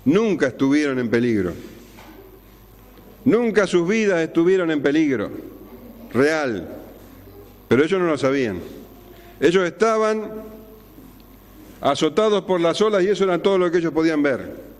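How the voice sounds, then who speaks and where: Pastor guy, high voice, sermon in a long echoey hall, drags out the big words low and slow. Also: very animated. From Argentina. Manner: dramatic preaching, slowing down and dropping low on key words. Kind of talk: expository sermon.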